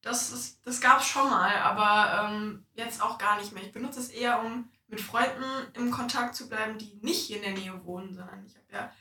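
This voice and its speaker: An eighteen-year-old woman chatting as a podcast guest, jumping quickly into the conversation. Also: mid-range voice, sharp tone, distant mic. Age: teens. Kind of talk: casual conversation. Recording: echoey room, off the mic.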